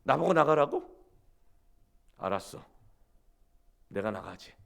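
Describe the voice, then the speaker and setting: A pastor playing a shouting, fed-up husband. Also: male voice, a little high, sing-song, moderate pace, creaky. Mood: calm, tender. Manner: yelling, exasperated. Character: angry middle-aged husband shouting in a fight.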